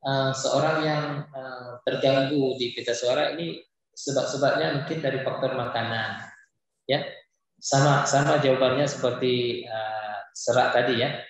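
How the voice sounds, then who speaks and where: A man teaching Quran recitation, answering viewers' questions in a hesitant way with many filler pauses. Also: mid-range voice, fairly even intonation. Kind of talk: live-streamed Q&A lesson. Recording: very echoey room.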